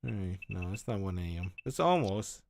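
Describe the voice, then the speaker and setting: Tired dude streaming a game, reads the story out loud, swears a lot, voice jumps around a ton. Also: male voice, low voice, moderate pace, vocal fry, a little hiss or hum. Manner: animated, swears casually, reads narration aloud. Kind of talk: casual game stream chat and reading narration aloud.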